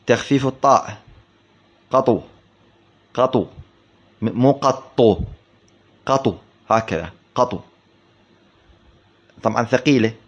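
Male grammar teacher, mid-pitched, deliberate lecture delivery with rhetorical questions, muffled lo-fi recording. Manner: slow, explanatory, repeats words for emphasis, asks rhetorical questions. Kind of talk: classroom text commentary. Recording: dull lo-fi recording.

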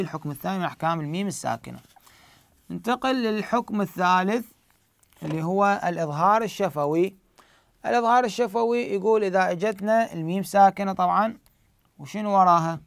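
High-voiced man teaching Quran recitation. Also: vocal fry, a bit bright, dry recording. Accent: Iraqi Arabic. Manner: explains rules, then slowly drawls out recited verses. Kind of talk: tajweed lesson with recited examples.

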